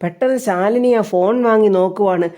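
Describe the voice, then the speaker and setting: A woman with a mellow, warm voice recaps a television serial episode. She tells it in a chatty storyteller's way. She slips into the characters' lines along the way. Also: mid-range voice, brisk.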